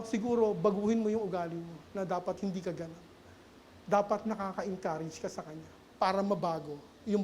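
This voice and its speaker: Middle-aged Filipino man as a lay preacher, high-pitched and animated, with playful humor. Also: slight background noise. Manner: animated, humorous, keeps adding a questioning tag to his phrases. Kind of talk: sermon. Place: church sanctuary.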